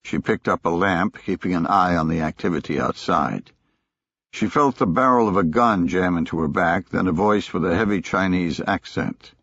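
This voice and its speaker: Man, audiobook narrator, very deep voice, steady thriller narration, muffled lo-fi, dry. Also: normal speed, dry recording.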